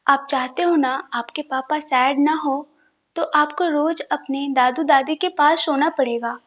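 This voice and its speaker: A woman's voice: high voice, fairly even intonation, unhurried, fairly bright tone. A woman voicing a playful, affectionate young father who coaxes and mock-sulks with his little son. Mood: coaxing. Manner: coaxing, mock-sulking, affectionate. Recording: dull lo-fi recording.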